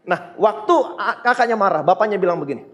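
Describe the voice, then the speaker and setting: A man's voice: high voice, expressive, quick pace, muffled recording. A male pastor preaching a sermon emphatically, repeating his points and asking the congregation questions.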